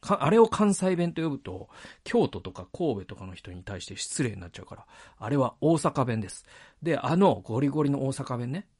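A man's voice: medium pitch, sing-song, fairly quick, darkish tone, slightly rough. A man hosting a solo podcast, talking reflectively into a microphone with frequent hesitations and self-corrections. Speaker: podcast host. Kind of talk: solo podcast monologue about a book. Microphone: speaking into a microphone.

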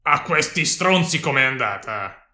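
A man voicing a fierce, battle-hardened male warrior commander who speaks gruffly and curtly. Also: medium pitch, animated, unhurried, pushed and bright. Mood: scornful. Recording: echoey room.

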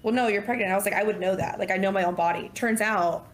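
Woman, 30s, guest on a casual podcast; lively storyteller who acts out dialogue, mid-range voice. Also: medium pitch, fast talker. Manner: animated, acts out quotes, laughs often.

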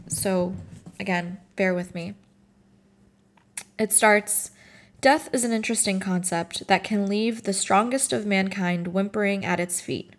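A woman in her late twenties from Morocco speaks through tears, worn out and emotional. She pauses and restarts often as she works through a personal reflection. At times she reads her own writing aloud. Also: mid-range voice. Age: 20s. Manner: halting and emotional, with frequent restarts. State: tearful and tired.

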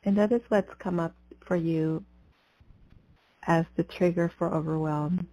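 A woman guiding a breathing meditation as a spiritual coach, in a soothing mystical healer manner with deliberate pauses. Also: lowish voice, fairly even intonation, mellow, dry recording. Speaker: podcast host and spiritual coach. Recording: slightly dull, muffled lo-fi audio.

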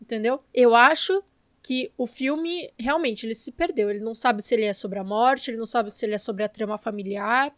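A woman's voice: on the high side, brisk, dry recording, studio quality. A Brazilian woman co-hosting a podcast in casual film discussion, with an informal, opinionated and emphatic way of talking. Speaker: podcast co-host.

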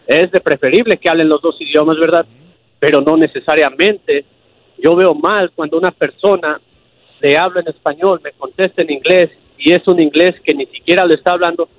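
A man's voice: a little high, fairly even intonation, moderate pace, no echo. A man from Mexico with a Mexican accent, calling in to a radio show and talking earnestly, often ending with a tag question. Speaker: caller. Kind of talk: phone-in call. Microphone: telephone. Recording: dull phone line.

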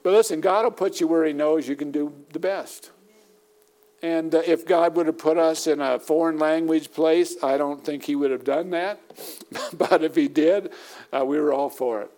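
Emphatic preaching man, fairly high voice. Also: normal speed, darkish tone. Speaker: pastor. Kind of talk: sermon.

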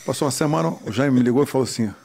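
A man telling a lively anecdote about his acting career, acting out the other people's voices. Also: medium pitch, racing, creaky, slight background noise. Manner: animated storyteller, acts out voices. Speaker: actor telling a story. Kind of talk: casual anecdote.

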